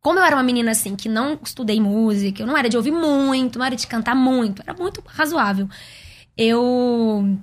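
A woman's voice: a little high, animated. A young Brazilian woman, a worship singer, chatting casually and telling a personal story as an interview guest. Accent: Brazilian Portuguese. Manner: quick, chatty storytelling with frequent laughs.

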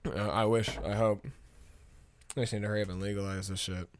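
A man's voice: fairly low pitch, level tone, fairly quick, a little hiss or hum. A man in his thirties from Minnesota, hosting a podcast in a casual, profane, chuckling ramble. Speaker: podcast host.

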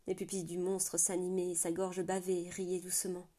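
Audiobook narrator, woman, mellow and dark in tone, steady fantasy storytelling with occasional restarts. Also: fairly low pitch, moderate pace. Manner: steady, with small slips and restarts.

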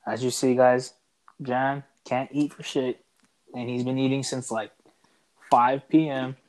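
A teenage guy joking around on a podcast with his buddy, teasing and quick to laugh. His voice sits at an ordinary, middle pitch. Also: little pitch movement, darkish tone, poor audio. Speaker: podcast co-host. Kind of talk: casual chat.

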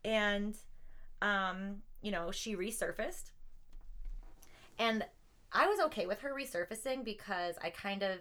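A woman's voice: medium pitch, measured pace, pauses often, bright, forceful tone. A woman in casual podcast chat, telling a personal story with many fillers and frequent laughs.

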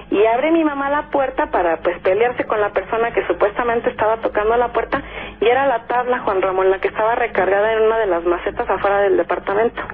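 A woman with a Mexican accent, calling in to a radio show to tell a ghost story. She talks as a lively storyteller who acts out other people's lines, with frequent "este" fillers. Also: on the high side. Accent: Mexican Spanish. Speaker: radio caller. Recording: tinny phone line.

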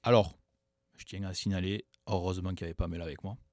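Guy co-hosting a radio show, kinda low voice, dry studio sound, just chatting away about a movie. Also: quick pace, dry recording. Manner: relaxed, chatty retelling of a film. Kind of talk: casual radio chat.

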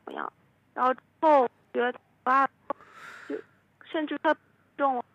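A woman's voice: high-pitched, huge pitch swings, gravelly, a bit bright, no echo, highs cut off. A woman in her twenties calling in to a radio show, speaking hesitantly while her phone audio glitches and breaks up. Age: 20s. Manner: hesitant and halting. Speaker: radio call-in caller. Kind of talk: phone-in confession.

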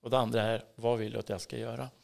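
Gravelly Swedish man giving earnest testimony. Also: mid-range voice, flat delivery. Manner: earnest, swings between hushed whispers and emphatic bursts. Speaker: interview guest. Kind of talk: personal testimony in a casual interview.

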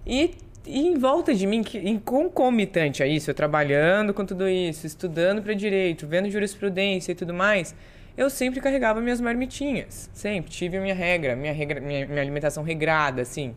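A woman's voice: lowish voice, fairly quick. Chatty Brazilian woman telling stories. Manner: lively storyteller, repeats words for emphasis. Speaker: podcast guest. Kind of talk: casual interview chat.

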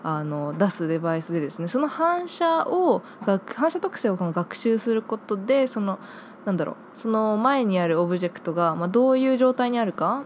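A woman's voice: medium pitch, a little hiss or hum. A woman in her twenties hosting a solo podcast, chatting casually and reading listener mail, with many filler words. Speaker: podcast host.

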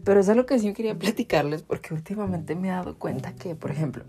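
A high-pitched man with a Mexican accent rattles along quickly as he hosts a podcast. He's casual and talkative with listeners, peppering everything with "o sea."

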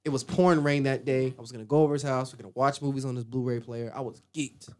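A man chatting casually with friends, lively and profane, acting out scenes from his stories. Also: mid-range voice, fast. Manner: lively, swears freely, acts out voices in his stories. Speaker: podcast co-host. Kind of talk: casual chat.

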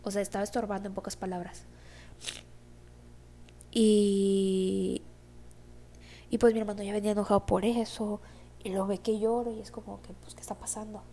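A woman's voice: medium pitch, level tone, normal speed, long pauses, mellow. A young woman with a Mexican Spanish accent telling a personal story in a casual, rambling vlog style, full of fillers and acted-out dialogue. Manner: rambling, heavy filler "o sea, como que"; acts out quoted dialogue. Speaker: vlogger.

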